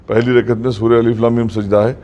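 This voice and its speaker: A man teaching a recitation class in a mosque. He explains patiently, asks his students questions, and keeps a middle pitch. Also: level tone, mellow, dull audio.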